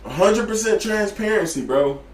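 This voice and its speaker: A man's voice: high voice, expressive, normal speed, echoey room, very noisy. A man teaching day trading in casual, profane talk, blunt and slangy, often asking if you get what he's saying. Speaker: trading educator.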